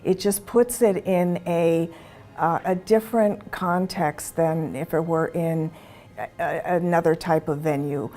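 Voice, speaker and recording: A woman commenting in an interview, measured and a little hesitant. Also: fairly low pitch, steady tone, dark tone.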